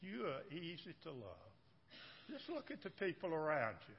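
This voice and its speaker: A man's voice: a little high, huge pitch swings, moderate pace, a little hiss or hum. A man preaching a sermon to his church, folksy and repetitive, often asking the room questions. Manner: folksy, repeats phrases, asks the crowd questions. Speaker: pastor. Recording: dull, echoey church hall recording.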